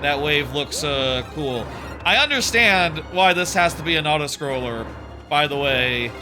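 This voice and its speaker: A man streaming a game offers loose, filler-heavy commentary in a slightly high voice with lively intonation, going a little slowly. A sore throat leaves him somewhat sniffly, and game music plays in the background.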